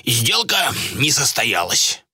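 A greedy, cynical dealer, played by a male narrator drawls his bargains slowly in a hushed, slightly raised voice. His tone is bright and the sound is dry. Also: medium pitch, big pitch swings, slightly rough, dry recording, voice pushed up, full character voice. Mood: cold. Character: cold, greedy male trader in children.

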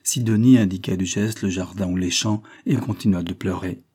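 A man narrating a novel aloud at a measured, even pace. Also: deep voice, slightly rough. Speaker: audiobook narrator.

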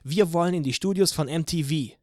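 A man reading an audiobook, voicing a young female singer who gives a loud, rousing protest speech from a rooftop. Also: fairly high pitch, a little fast, dry recording, clean studio sound, pitched above the performer's own voice, natural voice. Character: young woman, fiery protest band singer. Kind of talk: audiobook character voice.

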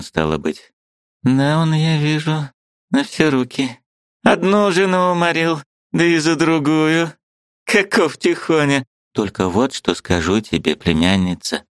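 A man voicing a sharp-tongued, agitated old woman who scolds her niece sarcastically. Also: a little high, clear, resonant tone, no room sound, studio quality, pitched above the performer's own voice. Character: sharp-tongued old aunt, gruff yet loving woman.

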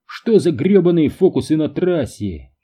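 A rude, mocking, stout red-bearded man past middle age, put on by a male reader, sneers through a husky, dark voice. His lines swing up and down in pitch. The audiobook recording is dull and lo-fi. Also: sing-song, a little slow, exaggerated voice.

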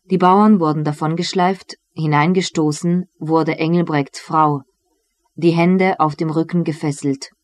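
Slow, measured literary reader. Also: medium pitch, steady tone, no echo. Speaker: reader of a novel. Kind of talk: literary audiobook reading.

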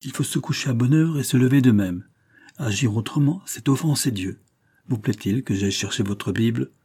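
A man's voice: medium pitch, moderate pace, mellow, breathy edge. A man reading aloud and voicing a devout, fretful old nursemaid with earnest, scolding piety. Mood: approving.

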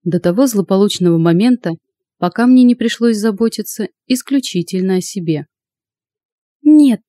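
A woman narrating first-person fiction as an audiobook reader, in a steady storytelling manner close to the mic. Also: mid-range voice, a little fast, dry recording.

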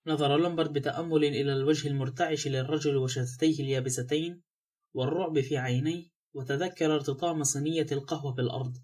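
A man narrating an audiobook novel in a steady reading voice. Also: a little high, fast talker, slightly rough. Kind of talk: scripted narration.

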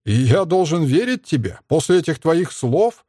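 A man's voice: mid-range voice, big pitch swings, a little fast, darkish tone, no room sound, studio quality, pitched above the performer's own voice. A man voicing an indignant, sarcastic young male soldier hero in an audiobook. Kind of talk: audiobook character reading.

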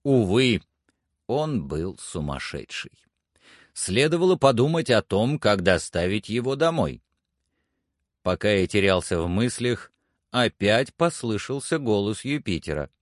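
A man narrates a story slowly and deliberately. His pitch moves lively through each phrase, and the recording is dry, with no room sound. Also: no echo. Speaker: audiobook reader. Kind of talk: scripted narration.

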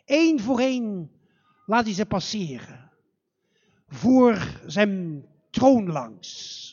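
A male storyteller tells a fairy tale live in a church, slow and dramatic, his high voice swooping widely. His tone is breathy and husky. The recording is dull and muffled. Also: big pitch swings, darkish tone.

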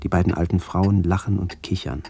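In a radio play, a man voices a brooding narrator haunted by memories of his lost village, speaking in reflective, halting phrases. His voice is low, creaky and dark with a steady tone, and there is slight background noise.

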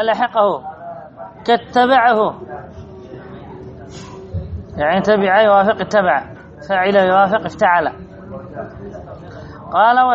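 High-voiced sheikh teaching a class. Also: male voice, dull audio. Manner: reads a phrase, then explains it, repeating key words and asking the class questions. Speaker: sheikh teaching Arabic morphology. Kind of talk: classroom lesson explaining a text line by line.

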